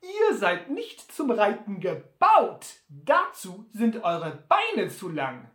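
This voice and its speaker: Reader doing a squeaky old trapper, sly and drawly, slow, bit echoey. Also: wildly swooping pitch, fairly bright tone, heavily acted. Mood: sly, doubtful. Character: quirky old frontier trapper, sly and dry. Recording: roomy echo.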